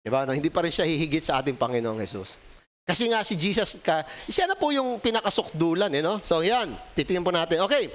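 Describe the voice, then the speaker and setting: Leading a Sunday sermon with a Filipino accent, a pastor keeps it interactive by naming members of the congregation, joking, posing questions, and speaking polite Tagalog sprinkled with po and ho. He talks fast in a fairly high, slightly bright voice with big pitch swings, on a low-quality recording.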